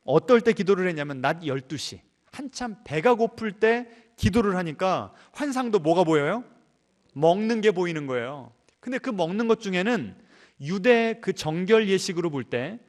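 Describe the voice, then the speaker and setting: A man's voice: high-pitched, expressive, moderate pace. A male pastor preaching a sermon in a church, asking the congregation rhetorical questions and building to emphatic peaks. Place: church sanctuary.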